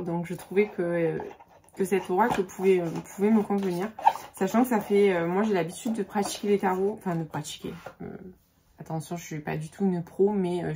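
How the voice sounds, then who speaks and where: A woman's voice: on the low side, vocal fry, mellow, slight background noise. A woman in her forties chatting casually about books on her vlog, hesitant with many fillers and restarts. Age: 40s. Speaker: book vlogger. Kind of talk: casual book vlog chat.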